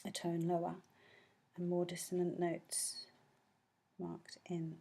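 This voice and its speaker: A woman talks through a musical score like a teacher, laying out each point plainly. Her voice sits a little low. She breaks into short sung syllables to show how a phrase goes. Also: monotone, slow pace, gravelly, dark tone, slightly rough. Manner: explanatory, sings snippets of melody. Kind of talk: score analysis lesson.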